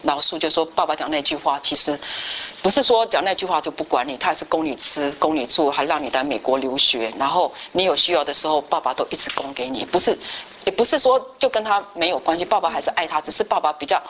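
A woman teaching a church Bible study class, telling stories and asking the class questions in a lively, chatty way. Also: sits low, fast, slight background noise, low-quality recording. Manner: lively storyteller, tags sentences with a chatty particle, asks the class questions.

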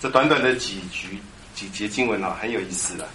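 A man preaching a lively Bible teaching sermon, quizzing his congregation and drilling them on Greek words. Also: fairly low pitch, a little fast, crowd noise. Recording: echoey hall with background noise.

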